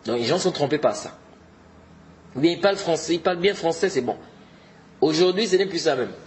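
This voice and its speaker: A religious teacher gives an informal lesson, exhorting his listeners and often repeating his points, mixing in Arabic religious terms. His voice is on the high side, animated and a little fast, with a darkish tone. A little hiss or hum is audible.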